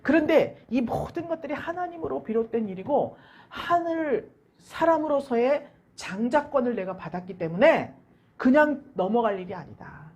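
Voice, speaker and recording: A woman pastor giving a Sunday sermon, telling the story with animated, questioning delivery. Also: on the high side, breathy edge. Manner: animated storytelling preaching, asks rhetorical questions.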